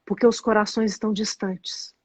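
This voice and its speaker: A woman's voice: medium pitch, flat delivery, moderate pace, breathy edge, no echo. A woman with a Brazilian Portuguese accent, hosting a casual live chat and earnestly explaining ideas while often restarting her phrases. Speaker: host explaining meditation and nonviolent communication.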